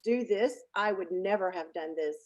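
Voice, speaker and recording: A chatty American woman being interviewed, speaking at an ordinary mid pitch. She is self-deprecating and stops and restarts her sentences often, filling gaps with ums. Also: normal speed, lo-fi sound. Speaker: guest business owner. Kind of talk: casual interview chat.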